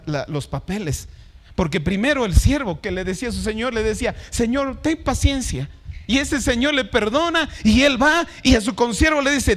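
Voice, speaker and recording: A man preaching a sermon as pastor, reading scripture and asking the congregation questions. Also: very high voice.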